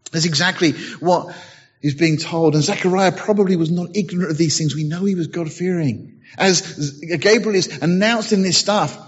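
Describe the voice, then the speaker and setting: A man's voice: high-pitched, normal speed, slightly rough, muffled recording. A man preaching a sermon in a conversational way, acting out the story as he goes. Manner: conversational, acts out scenes in voices.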